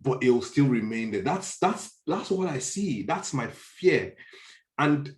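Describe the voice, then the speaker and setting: This panelist, a man with a Nigerian accent, has a mid-range, darkish voice with big pitch swings and an unhurried delivery. In a conversational political discussion for a podcast, he presses his points emphatically and repeats phrases, heard over a roomy, echoey online call.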